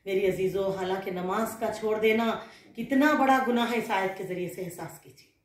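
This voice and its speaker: A woman's voice: mid-range voice, brisk. Earnest woman preaching in a roomy space. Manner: earnest, rhetorical questions to listeners. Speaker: religious scholar. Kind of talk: sermon to women. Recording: roomy echo.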